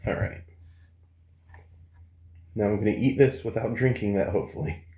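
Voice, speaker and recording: A man's voice: lowish voice, fairly even intonation, fast talker, warm tone. A man talking casually to viewers in an eating challenge vlog. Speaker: food challenge vlogger. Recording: roomy, echoing indoor sound.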